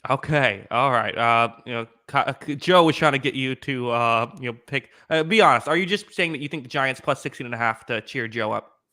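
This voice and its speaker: A man's voice: medium pitch, fairly quick, sharp tone. A man hosting a sports podcast, chatting casually about football with many fillers and restarts.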